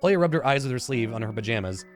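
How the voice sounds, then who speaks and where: A gaming YouTuber in his thirties, doing a let's play, reads visual novel narration aloud informally, tripping over words and throwing in casual comments. His medium-pitched voice is expressive and rapid-fire. He sits at a computer in an indoor room with game music behind him.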